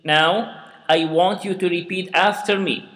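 A man's voice: high-pitched, steady tone, measured pace, a bit bright. A man teaching Quran recitation step by step, patiently repeating sounds and asking learners to say them after him. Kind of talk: slow step-by-step recitation lesson. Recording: echoey room with long reverb.

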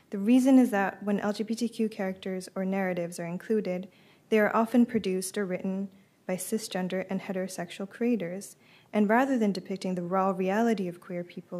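Mellow young woman reading a prepared text. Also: medium pitch. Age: young adult. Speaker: translator reading on behalf of author. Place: library meeting room, at a lectern. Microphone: lectern gooseneck microphone.

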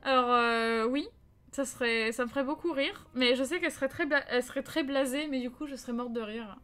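Streameuse animée à la voix aiguë. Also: female voice, high voice, brisk. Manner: lively anecdote-telling, acts out quotes, reads chat. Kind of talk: casual live-stream chat and storytelling.

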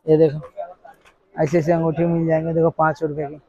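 A man in his thirties working as a wholesale shopkeeper, showing goods and listing prices in a brisk, repetitive sales patter inside a crowded shop. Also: on the high side, level tone, creaky, darkish tone, dry recording, muffled recording. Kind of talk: sales pitch to a vlogger. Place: crowded cosmetics shop, indoors.

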